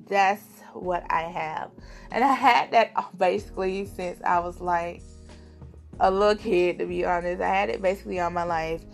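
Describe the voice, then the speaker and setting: A young woman speaks straight to her viewers in a candid personal vlog, earnest and confiding. Her voice carries a heavy, gravelly vocal fry. Soft music sits faintly underneath. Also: mid-range voice. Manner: earnest, confiding, addresses viewers directly as y'all. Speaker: vlogger.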